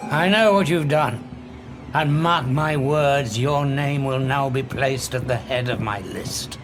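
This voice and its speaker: A man playing a menacing, paranoid megalomaniac scientist who has turned invisible, grandiose and deliberate in an audio drama. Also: mid-range voice, music in the background, lightly acted. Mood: vengeful threat.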